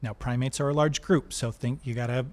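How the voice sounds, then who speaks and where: A man's voice: mid-range voice, fairly even intonation, a little fast, darkish tone. A man who works at a zoo, a guest on a casual podcast, eagerly explaining animal facts and quizzing the hosts. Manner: enthusiastic, explanatory, laughs at own jokes.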